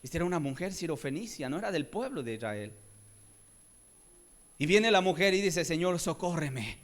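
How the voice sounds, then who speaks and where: Fervent preacher. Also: male voice. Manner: swings between soft low pleading and loud raised cries; often asks his listeners rhetorical questions. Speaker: pastor. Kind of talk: sermon.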